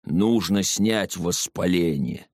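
A man voicing a stern old village herbalist woman who talks curtly and hoarsely in an audiobook. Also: deep voice, darkish tone, no room sound, studio quality. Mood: scolding. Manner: curt, slow and commanding.

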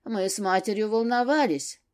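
A woman reading an audiobook, voicing a gruff, commanding older father who barks his words. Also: mid-range voice, normal speed, natural voice. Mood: stern. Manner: barking, stern.

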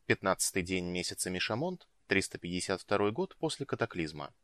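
A man reading a fantasy audiobook as narrator, in an expressive, measured manner. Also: low-pitched, no room sound. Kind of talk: scripted narration.

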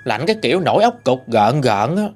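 A man voicing an uneasy old grandmother, talking low and hushed. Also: very animated, brisk, soft background music.

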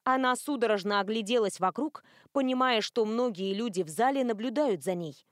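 A woman reading an audiobook as narrator in an even, clear storytelling manner. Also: a little high, moderate pace, no echo, clean studio sound. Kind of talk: scripted narration.

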